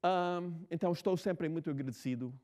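A man's voice: on the high side, a little fast, a little mellow. A man in his sixties with an American English accent, speaking Portuguese as a second language, telling stories in an interview with many restarts and fillers. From United States. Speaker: writer being interviewed. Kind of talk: casual interview talk.

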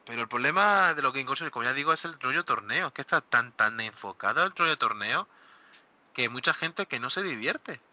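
A man hosting a casual hobby talk show, animated and exclaiming, often acting out what other players say. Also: medium pitch, a little fast, no echo. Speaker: host of a miniature wargaming talk show. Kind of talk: casual panel chat. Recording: dull lo-fi recording.

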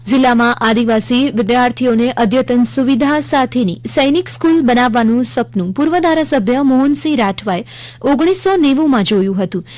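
A woman with a Gujarati accent reading a scripted regional radio news bulletin in a measured, formal way. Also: fairly high pitch, a little mellow, no room sound. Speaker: news reader.

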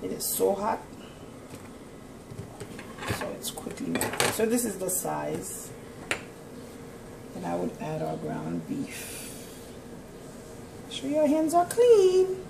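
In her own kitchen, a cooking channel host chats her way through a casual demo, explaining every step as she cooks. Her mid-range voice is gravelly and slow, with wildly swooping pitch and frequent pauses. A camera mic across the room captures it, so the sound is echoey, distant, and noisy in the background.

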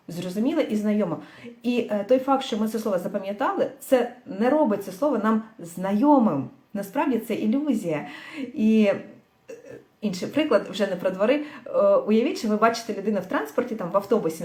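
Female language teacher, thoughtful, filler-heavy delivery, mid pitch, echoey room. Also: a little mellow. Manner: thoughtful, pauses with fillers, mixes in English words. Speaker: English teacher. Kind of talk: livestream language lesson.

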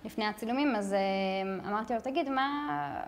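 Woman filmmaker talking in an echoing hall. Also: fairly high pitch. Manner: casual, searching for words. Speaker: filmmaker, co-writer. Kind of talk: behind-the-scenes interview.

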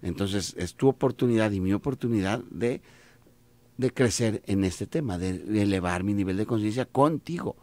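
A man's voice: fairly low pitch, moderate pace, a little mellow. A man with a Mexican accent, a studio guest on a radio talk show, speaking reflectively and stumbling a little as he starts. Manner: reflective, repeats himself when starting.

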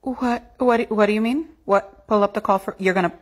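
A woman acting a flustered customer who complains about an agent and stammers defensively, with a breathy voice. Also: medium pitch, normal speed, close to an everyday voice.

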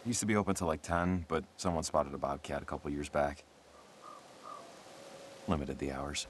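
An actor playing an easygoing young man on a night hike, chatting in relaxed, rambling small talk. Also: extremely low pitch, normal speed, a little hiss or hum.

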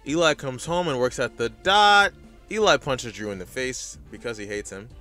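A man's voice: medium pitch, expressive, moderate pace, bright, forceful tone, soft background music. A man hosting a recap video with casual scripted commentary, blunt, opinionated and sweary.

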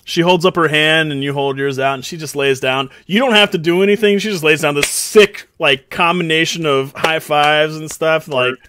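A man's voice: on the high side, normal speed, few pauses, pushed and bright. A man narrating as dungeon master in a casual, chatty way. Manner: casual, chatty, lots of fillers and laughs. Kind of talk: narrating a tabletop game.

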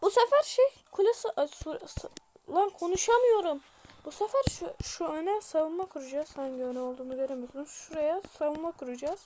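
A woman giving casual gameplay commentary, chatty and self-mocking, shouting orders at her troops. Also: high-pitched, a little fast, slight background noise. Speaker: gaming youtuber.

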